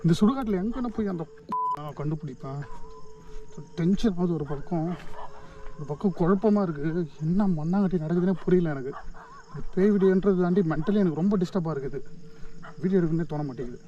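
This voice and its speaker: Tense fast-talking man vlogging at night. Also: sits high, a little hiss or hum. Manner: tense, addresses viewers as guys. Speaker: ghost-hunting vlogger. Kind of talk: nighttime vlog talking to viewers. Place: outdoors at night. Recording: lo-fi, slightly distant, loud music behind.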